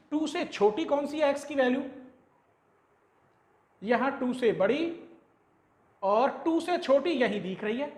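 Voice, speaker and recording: A man's voice: very high-pitched, reverberant. A man teaching maths, working through a problem step by step and quizzing students with rhetorical questions. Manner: dictates step by step, slowly spelling out symbols. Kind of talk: classroom maths lecture.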